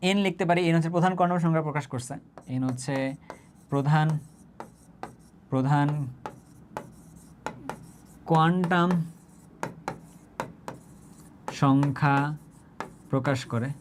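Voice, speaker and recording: Rapid-fire chemistry teacher, man. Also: on the high side, a little hiss or hum. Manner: conversational, often checks understanding with quick tag questions; mixes English words into his talk. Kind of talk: online class lecture.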